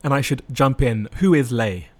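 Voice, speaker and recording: A man's voice: mid-range voice, moderate pace, darkish tone. A man hosting a conversational interview, putting questions to a guest. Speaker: interviewer, host.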